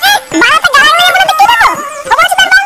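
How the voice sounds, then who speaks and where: A performer voicing a hot-tempered, foul-mouthed young cartoon man who shouts crude insults. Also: very high voice, very fast, music in the background. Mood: indignant. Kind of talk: comic cartoon voice acting. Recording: loud background noise.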